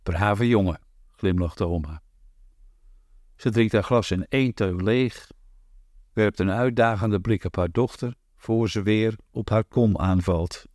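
A man reading a literary novel aloud in a measured, deliberate way. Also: on the low side, a little mellow, no echo, clean studio sound. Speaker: audiobook narrator.

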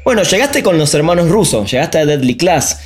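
A man's voice: fairly high pitch, sing-song, fairly quick, background noise. Reflective male host. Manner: reflective, hesitant, uses tag questions. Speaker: interview host. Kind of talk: casual interview chat.

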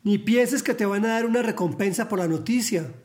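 A man voicing a stern army general who chides a young man, speaking slowly and with emphasis. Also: high-pitched, darkish tone, voice pushed up, close to an everyday voice. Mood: chiding.

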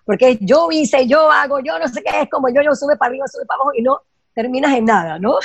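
A woman's voice: high voice, quick pace, dry recording, dull audio. A woman giving spiritual advice in an emphatic way, asking rhetorical questions and dropping in English phrases. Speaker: guest teaching Kabbalah ideas. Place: lives in Los Angeles.

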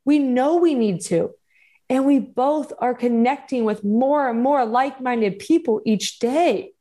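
Speaking at a measured pace in a high, warm voice, a podcast host and growth coach runs her motivational show alone. Her manner is conversational yet emphatic, earnest and encouraging.

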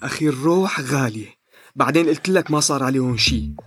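An actor playing a cautious, self-serving villager in a radio drama, evasive and defensive in Levantine Arabic. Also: male voice, medium pitch, animated, quick pace, husky. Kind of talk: audio drama acting.

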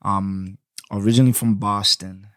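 A man's voice: on the low side, fairly even intonation, moderate pace, fairly bright tone, clean tone, no echo, studio quality. A young man from Florida with a Florida accent, hosting a solo podcast in laid-back, slangy talk. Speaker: podcast host.

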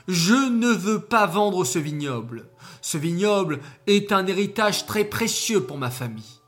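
A stubborn, proud vineyard owner voiced by a storyteller refuses politely but firmly. His pitch rises and falls widely at a slow pace, as in a storybook.

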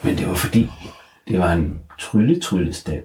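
Deep-voiced male storyteller; improvises bedtime tales with a playful, laughing touch. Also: sing-song, mellow, roomy sound. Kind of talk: improvised children's story narration.

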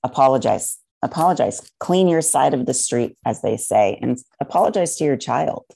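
A woman's voice: extremely low pitch, animated, moderate pace, gravelly, dark tone, breathy edge. A woman guest on a podcast, giving earnest, heartfelt parenting advice in a casual chat.

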